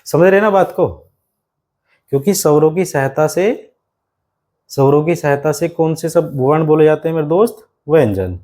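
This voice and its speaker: A man's voice: on the high side, expressive, normal speed, mellow. A man teaching a grammar lesson for exam students, explaining step by step with many rhetorical questions and often addressing the students as his friends.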